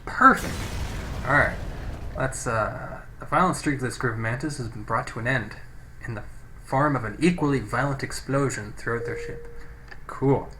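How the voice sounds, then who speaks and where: A man's voice: mid-range voice, moderate pace, background noise. A man giving casual let's play commentary, thinking aloud and reading game text, on a poor-quality microphone. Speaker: gaming let's play host. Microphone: low-quality microphone.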